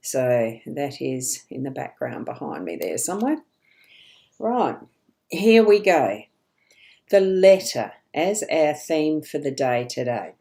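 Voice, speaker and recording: Chatty female psychic host, low warm voice, rambling live card reading. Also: creaky. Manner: chatty, laughing, rambling asides. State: hiccups.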